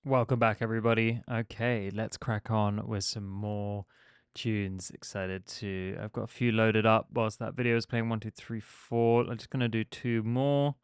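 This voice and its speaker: A man's voice: on the low side, flat delivery, normal speed, smooth, no room sound, clean studio sound. A man hosting a music feedback live stream, chatting and joking with his viewers in a casual way. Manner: chatty and jokey, talking to viewers in chat.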